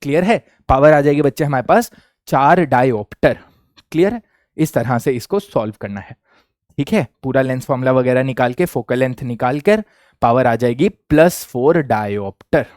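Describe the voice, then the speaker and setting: A young man teaching physics in a lively classroom lecture, often checking in with his students with quick questions. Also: mid-range voice, no echo, clean studio sound. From India. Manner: energetic, addresses students as kids, asks frequent check questions. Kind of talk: Hindi-English classroom lecture.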